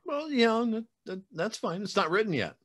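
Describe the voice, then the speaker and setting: A man in his forties, a podcast host, speaks in a high, slightly bright voice, briskly and with big pitch swings. He hosts a casual interview over a webcam video call from a room at home, chatty and rambling, with many fillers and some teasing.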